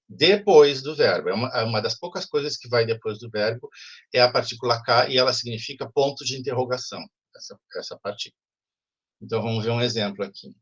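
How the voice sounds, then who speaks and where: A man teaches an online language class at a mid pitch. His voice is husky, and he keeps checking that the students follow. The call audio is muffled. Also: a bit bright. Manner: explanatory, frequent "né?" checks with students.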